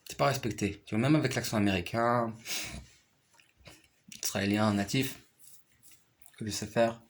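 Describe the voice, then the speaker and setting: Husky-voiced man, rambling and repetitive. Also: medium pitch. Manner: rambling, repeats himself, keeps checking the listener follows. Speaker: piano player and teacher. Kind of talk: casual personal conversation.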